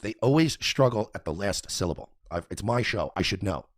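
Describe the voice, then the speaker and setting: A man's voice: on the low side, animated, brisk, no echo, clean studio sound. A man hosting a radio show, ranting in a profane, mocking, repetitive way. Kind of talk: ranting commentary.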